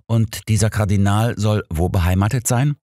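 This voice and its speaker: A man's voice: fairly low pitch, moderate pace, warm tone, dry recording, studio quality, pitched above the performer's own voice, close to an everyday voice. A man voicing a stubborn, easily offended older doctor who sulks and protests. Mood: indignant. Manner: indignant, sulky. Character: stubborn, touchy older male doctor companion.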